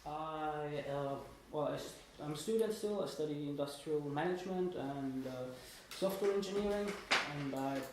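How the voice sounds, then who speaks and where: At a small meetup in an indoor room, a student presenter in his 20s from Germany and Italy speaks at normal speed with hardly any pauses, his voice a little high. His informal live talk is hesitant, rambling and self-deprecating. The recording, from a distant room microphone, has echo and background noise.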